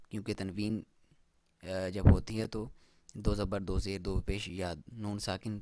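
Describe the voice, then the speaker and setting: A man teaching Quran recitation rules step by step. He explains each rule plainly, then recites the verse slowly in a raised voice. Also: low voice, darkish tone, no room sound. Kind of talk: step-by-step tajweed lesson.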